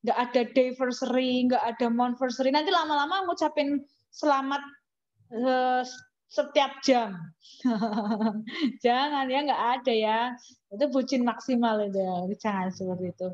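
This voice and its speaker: A woman's voice: high voice, measured pace. A woman with an Indonesian accent teaching an English lesson, chatty and teasing, asking questions and answering them herself. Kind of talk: classroom lesson. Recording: dull lo-fi recording.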